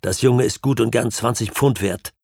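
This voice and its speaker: A man's voice: mid-range voice, normal speed, vocal fry, darkish tone, husky, dry recording, clean studio sound. A man voicing a blunt, coldly practical harpooner in an audiobook, speaking in short, terse lines.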